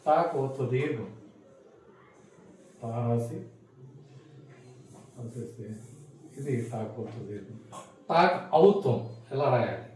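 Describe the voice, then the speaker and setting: A man's voice: medium pitch, animated, slow pace, long pauses, a little mellow. Man teaching in a very echoey room. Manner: patient, explains step by step with repeated questions. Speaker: Tamil teacher. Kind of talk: teaching a lesson in Telugu. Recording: echoey room, mic at a distance, faint noise.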